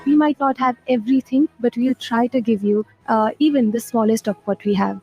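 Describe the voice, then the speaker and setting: A woman's voice: a little high, fairly even intonation, fairly quick, gravelly, muffled recording, over music. A 21-year-old woman from India, a model and actor, giving a heartfelt pageant self-introduction.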